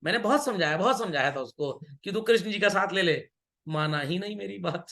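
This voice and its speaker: A middle-aged online business studies teacher talks fairly quickly in a high, animated voice that's bright, sharp and creaky. He combines Hindi and English while scolding students in jest and asking if they understand.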